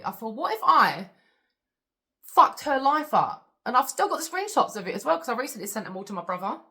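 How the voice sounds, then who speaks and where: A woman's voice: medium pitch, pushed and bright. A woman vlogger telling her own story to camera, blunt and candid, swearing freely.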